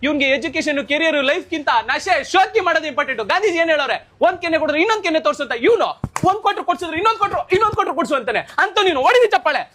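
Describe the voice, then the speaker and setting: A man's voice: very high-pitched, expressive, sharp tone. A man with a North Karnataka Kannada accent delivering a mock-heroic, film-style rant as a bar owner, with repeated punchy refrains. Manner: fast rhetorical ranting with refrains. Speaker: bar owner in a comedy skit.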